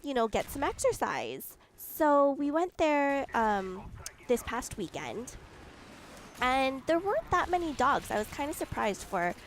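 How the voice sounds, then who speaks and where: A woman's voice: sits high, very animated, a little slow, a little hiss or hum. Chatty, giggly young woman telling a story. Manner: chatty, giggly, many fillers and likes. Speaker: gaming video creator. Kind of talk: casual storytelling over gameplay.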